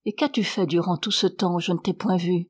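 A woman reading aloud, voicing an anxious aristocratic mother who speaks in a hushed, grave way. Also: on the low side, fairly even intonation, brisk, slightly rough.

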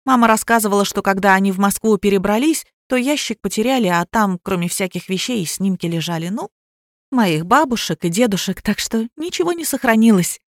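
A woman voicing a calm young adult daughter who answers evenly, in an audiobook. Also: medium pitch, fairly quick, no room sound, studio quality, lightly acted. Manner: even, conciliatory.

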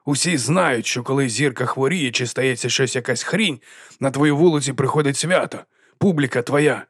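A man voicing an excitable male band leader who talks loudly and insistently. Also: mid-range voice, normal speed, breathy edge, no echo, clean studio sound, natural voice.

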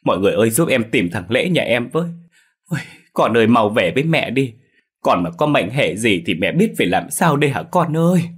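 A man's voice: big pitch swings, brisk, breathy edge. A man voicing a desperate village mother who cries out for her missing son. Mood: frantic wailing. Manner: wailing, high-pitched crying out.

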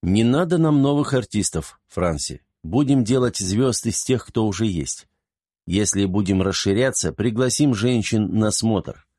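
Guy doing a joking bossy young man in an audiobook, low voice, dry sound. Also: expressive, measured pace, mellow, no room sound. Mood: stern. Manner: joking, then stern. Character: witty commanding young man, castle schemer.

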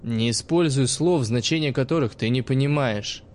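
A man playing a stern, gruff old teacher who speaks in a dry, sarcastic and sometimes menacing way. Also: medium pitch, moderate pace, close to an everyday voice.

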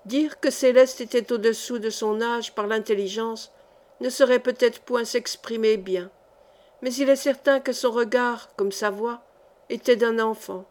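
A woman narrating a classic historical novel in a calm, measured reading voice. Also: a little high. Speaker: audiobook reader. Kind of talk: literary narration.

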